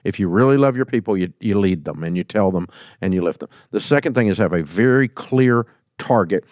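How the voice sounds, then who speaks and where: A middle-aged man hosting an advice show, talking emphatically and folksily and jumping into loud acted quotes. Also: on the low side, lively intonation, a little fast, no room sound, studio quality. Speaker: host giving leadership advice. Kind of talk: call-in advice talk.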